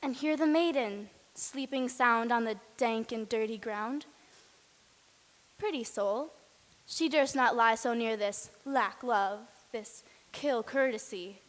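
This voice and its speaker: A woman playing a mischievous male fairy servant who speaks in brisk rhyming verse in a school stage play. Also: a little high. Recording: echoey hall.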